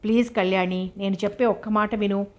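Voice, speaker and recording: A woman's voice: mid-range voice, steady tone, brisk, darkish tone, lightly acted. A woman reading the part of a young man who coaxes and soothes an upset partner. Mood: pleading. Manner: soothing, coaxing. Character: young man pleading, trying to calm.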